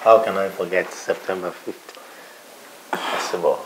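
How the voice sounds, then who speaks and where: A man's voice: low-pitched, fairly even intonation, measured pace, noisy background. An actor playing a scheming young man who mixes Yoruba and English. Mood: soft, smooth. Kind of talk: Nollywood film acting.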